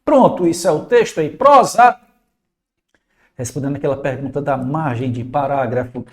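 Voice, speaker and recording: A man's voice: on the high side, moderate pace. A man with a Brazilian Portuguese accent teaching an exam-prep lesson, talking conversationally and pointing out examples on screen. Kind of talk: recorded online lesson.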